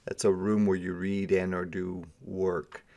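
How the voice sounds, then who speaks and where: This man's warm, low voice barely moves in pitch and carries a clear creak as he reads a children's book in a teacherly way. He's unhurried, performing the story with drama and pausing to explain it in simpler words.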